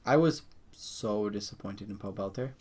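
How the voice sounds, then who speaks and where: A man's voice: on the low side, normal speed, noisy background. A man co-hosting a casual esports podcast, ranting animatedly with frequent swearing and laughter. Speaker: podcast co-host.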